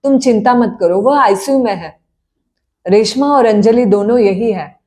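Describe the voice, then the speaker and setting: A woman reading the part of a calm, reassuring male family doctor. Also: on the high side, a little slow, close to an everyday voice. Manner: steady, reassuring.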